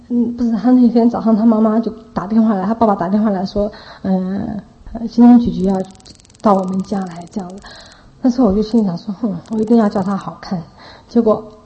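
A woman's voice: on the high side, lo-fi sound. A woman who looks after children tells a personal faith testimony in a rambling way, with many restarts and repeated tag phrases.

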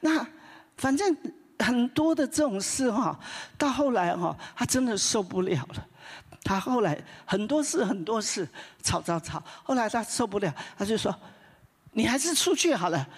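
A woman pastor telling a story in a sermon, in a conversational way, often tagging her phrases with a soft "ha" and restarting her sentences. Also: mid-range voice, normal speed, husky. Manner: lively retelling with many restarts. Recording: long hall reverb.

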